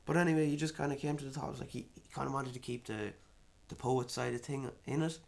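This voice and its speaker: A man's voice: mid-range voice, fairly even intonation, fast talker, vocal fry, darkish tone. A man, a drummer chatting loosely and jokingly in a casual interview. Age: 20s. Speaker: band drummer.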